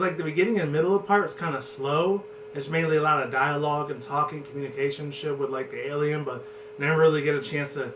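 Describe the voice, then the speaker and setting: A hoarse man in his twenties, his voice on the high side and worn from screaming, hosts a channel where he rambles about movies. He curses loosely and keeps restarting his thoughts. The recording is roomy, distant, and noisy with hum.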